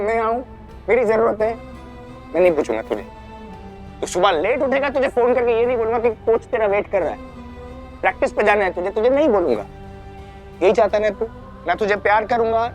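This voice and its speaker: An actor playing a loving but deeply hurt elder brother who scolds his sibling, pleading one moment and shouting the next. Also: animated, a little fast, pauses often, soft background music. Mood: wounded scolding.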